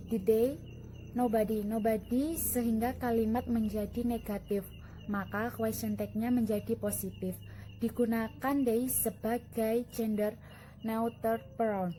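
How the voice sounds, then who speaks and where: A woman presenting a lesson, reading slide text aloud in a steady way. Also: a little high, slight background noise, low-quality recording. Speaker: student presenter.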